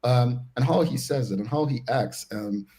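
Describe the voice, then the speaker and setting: A man's voice: mid-range voice, moderate pace, mellow. A man with a Bermudian accent hosting a talk show, speaking colloquially and emphatically in casual, opinionated discussion.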